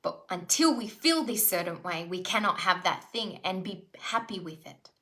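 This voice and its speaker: A middle-aged spiritual life coach runs a live online self-development workshop, speaking conversationally and checking in with rhetorical questions. Her voice is on the low side, expressive and sharp in tone, at a moderate pace.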